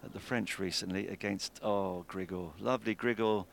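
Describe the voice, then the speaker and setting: A man commentates on live tennis in a low, gravelly voice. He is chatty and lively, and his pitch rises with the play. Steady noise sits behind him on the broadcast. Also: normal speed.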